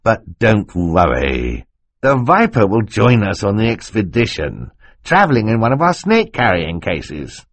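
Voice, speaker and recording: A man voicing an excitable, fussy older male snake scientist in an audiobook, talking over others. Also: medium pitch, normal speed, husky, dry recording, pitched above the performer's own voice. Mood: excited. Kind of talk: audiobook character voice.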